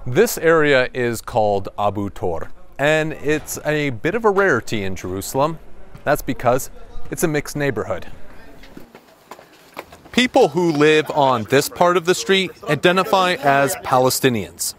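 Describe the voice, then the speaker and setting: A man delivering a field news report as a foreign correspondent, speaking outdoors in measured, formal tones. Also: on the high side, lively intonation, a bit bright. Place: outdoors on a city street.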